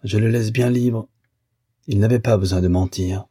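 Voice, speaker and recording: Man voicing a sharp, accusing bourgeois wife. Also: lowish voice, fairly even intonation, normal speed, husky, no room sound, studio quality. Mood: bitter. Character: wounded, bitter bourgeois wife.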